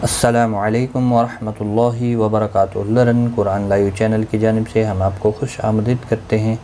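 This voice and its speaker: A man teaching Quran recitation rules, explaining each word in brisk, rule-by-rule steps and chanting the verses slowly. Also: on the low side, flat delivery, dark tone, a little hiss or hum. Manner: slow melodic Quran recitation between explanations. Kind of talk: tajweed lesson, explaining each word in Urdu.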